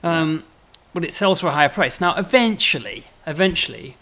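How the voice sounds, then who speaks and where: This game developer has a fairly high, expressive, bright voice with a forceful tone and moderate pace. Casually walking through new gameplay features, he explains in a chatty way and keeps appending "right?" to his points.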